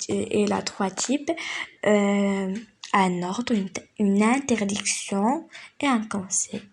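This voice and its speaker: A woman's voice: mid-range voice, creaky, husky. A woman hosting her channel and explaining a grammar lesson, hesitant, with many fillers and restarts, sometimes dropping to a near whisper. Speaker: teacher, channel host.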